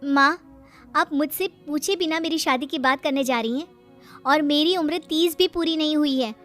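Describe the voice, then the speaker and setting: A high-pitched young schoolteacher daughter, voiced by a woman in a cartoon family drama. She is indignant and defensive, protesting every remark, with music behind her. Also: moderate pace, a bit bright. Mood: hurt, protesting. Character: defensive unmarried schoolteacher daughter nearing thirty. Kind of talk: Hindi cartoon story acting.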